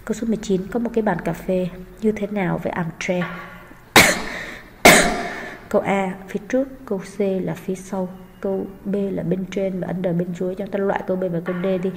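A woman's voice: mid-range voice, fairly even intonation, fairly quick, vocal fry. A woman, a teacher patiently walking through exam answers with many fillers. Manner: patient, hesitant with frequent fillers. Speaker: English teacher. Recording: long hall reverb, faint noise.

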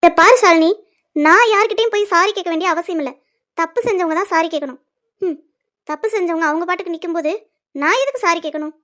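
A resentful young woman in a cartoon serial, very high and thin in tone. She talks in a cutting, scornful way. Every remark has an edge. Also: quick pace, a bit bright.

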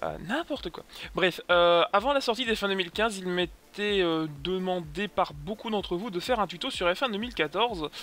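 A man's voice: sits high, animated, brisk, a bit bright. A man from France giving a casual sim racing tutorial voice-over, hesitant and full of fillers. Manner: hesitant, many fillers, chatty.

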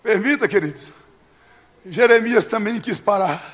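A Brazilian man preaching a sermon as pastor, telling a story and building to shouted preaching. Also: high-pitched, animated, a little slow, long reverb tail. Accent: Brazilian Portuguese.

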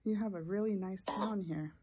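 A woman's voice: medium pitch, moderate pace, slightly rough. Woman in her sixties addressing spirits outdoors. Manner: speaks politely out loud to unseen spirits. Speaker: paranormal investigator. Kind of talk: casual ghost-hunting vlog narration. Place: outdoors in a snowy abandoned town. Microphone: handheld phone camera.

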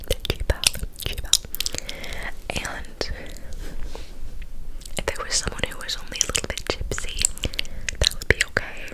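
A woman in her twenties telling a casual story in a breathy, unvoiced ASMR whisper, slow and deliberate with softly repeated words, very close to the microphone. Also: low-quality recording. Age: 20s. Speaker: ASMR creator. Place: small bedroom, indoors. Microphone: close-up handheld condenser microphone, cupped with a hand.

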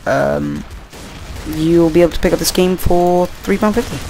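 A man's voice: fairly high pitch, moderate pace, creaky, a little mellow, slight background noise. A tired young man, rambling through casual gameplay commentary and swearing at the game, recorded at home on a computer mic. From Wales.

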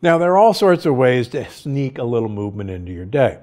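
A man's voice: mid-range voice, fairly quick. An older man hosting a podcast, reading health advice from cue cards in a studio with a lapel mic. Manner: lively, upbeat, reads from cue cards. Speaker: podcast host and doctor. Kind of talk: scripted health advice monologue. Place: studio set with armchair and bookshelf.

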